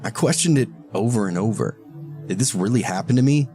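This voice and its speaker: A man's voice: lowish voice, expressive, brisk. A man narrating a first-person horror story in a reflective, questioning way. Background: background music.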